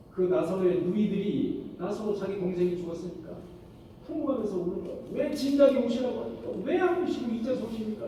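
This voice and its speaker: A man's voice: high-pitched, dark tone, slight background noise. A man preaching a sermon as pastor, often asking the congregation questions and answering them himself. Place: church sanctuary. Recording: echoey church hall from far off.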